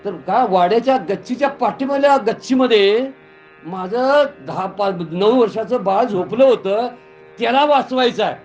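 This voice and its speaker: A man preaching a devotional story sermon in a temple, animated and full of rhetorical questions. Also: high voice, normal speed, muffled recording, faint music behind. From Kolhapur, Maharashtra. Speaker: Bhagavat katha preacher. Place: temple gathering.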